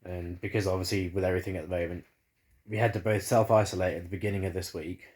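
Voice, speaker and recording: Filming himself on a phone in his living room, a man talks casually to camera in a low, darkish voice that is steady in tone, and he speaks fast. His nose still sounds blocked after the flu. The talk wanders, packed with fillers and false starts.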